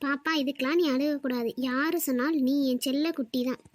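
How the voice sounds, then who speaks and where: A woman playing a quick, fussing mother. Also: high voice, fairly even intonation, dry recording, close to an everyday voice. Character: doting, scolding mother. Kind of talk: family skit acting.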